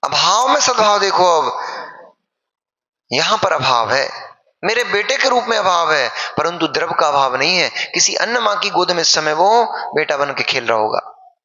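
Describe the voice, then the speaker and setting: Monk guy preaching, bright tense voice, lots of hall echo, kinda muffled. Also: fairly high pitch, moderate pace. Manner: animated preaching, acting out wailing mourners. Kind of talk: sermon. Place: large sermon hall. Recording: echoey hall, dull lo-fi sound.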